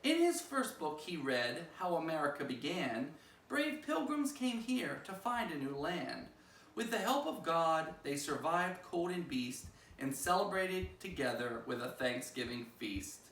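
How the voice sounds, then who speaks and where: Slightly high-pitched and a little slow, a man gives an expressive, singsong reading of a rhyming children's picture book, much like a principal at story time. The sound is echoey and roomy, recorded from a distant microphone.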